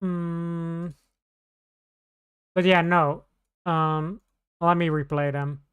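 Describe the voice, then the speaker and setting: A woman streamer chats casually with her viewers, rambling and often restarting mid-sentence. Her voice sits low and sounds smooth and clear. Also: steady tone, very slow, narrow, tinny audio. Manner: rambling, scattered, with many restarts. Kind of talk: casual live-stream chat.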